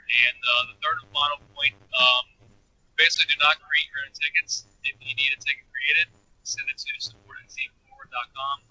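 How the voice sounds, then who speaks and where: A man's voice: mid-range voice, fairly even intonation, normal speed, bright, forceful tone, dry recording. A man giving a dispatch update at a staff meeting, his voice tinny as if inside a tin can, through headphones used as a microphone, listing his points casually with fillers. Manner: informal, points listed one by one with fillers. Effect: tinny sound as if inside a tin can. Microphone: headphones plugged into the microphone jack. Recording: tinny, dull lo-fi line.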